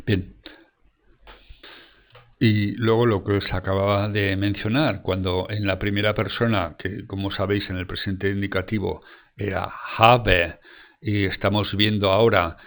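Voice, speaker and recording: A man's voice: fairly low pitch, level tone, a little slow, fairly bright tone. A man teaching German grammar in Spanish, explaining step by step and checking in often with the class. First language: French.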